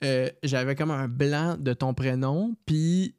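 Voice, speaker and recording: A man's voice: mid-range voice, takes it slowly, a little mellow, clear, resonant tone, no echo, clean studio sound. A man with a Québécois French accent hosting a casual interview podcast, chatty and full of fillers. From Quebec. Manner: chatty, friendly, many fillers. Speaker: podcast host.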